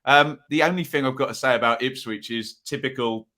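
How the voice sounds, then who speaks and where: A man's voice: medium pitch, brisk, bright, forceful tone. A man co-hosting a football betting podcast, casually discussing picks in a thoughtful, tentative way.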